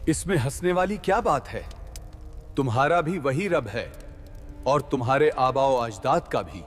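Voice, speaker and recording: A man's voice: medium pitch, expressive, faint music behind, close to an everyday voice. A man playing an arrogant, mocking tyrant king in a story, speaking in a scornful, commanding way.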